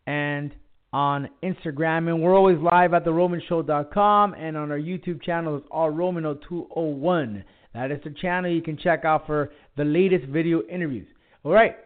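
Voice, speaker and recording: A man hosting an internet talk show with an emphatic, announcer-like delivery over a phone line. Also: fairly high pitch. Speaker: podcast host. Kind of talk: upbeat wrestling and music show hosting. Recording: tinny phone-line internet radio audio.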